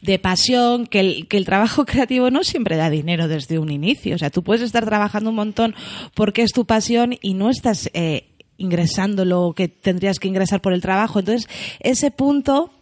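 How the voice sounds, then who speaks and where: Thirties woman co-host, lively and talkative, acts out dialogue. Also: medium pitch, moderate pace. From Spain. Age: 30s. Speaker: podcast co-host, fashion designer. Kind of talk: casual chat.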